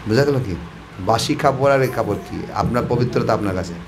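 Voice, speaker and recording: A man's voice: medium pitch, brisk. Guy preaching at a devotional q&a, keeps urging folks, a bit of faint background noise. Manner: coaxing, instructive, urging the audience with repeated commands. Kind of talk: devotional question-and-answer talk.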